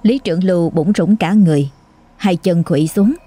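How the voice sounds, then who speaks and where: A woman storyteller reading a horror story aloud in a slow, suspenseful way. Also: lowish voice, warm tone. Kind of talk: scripted horror story narration.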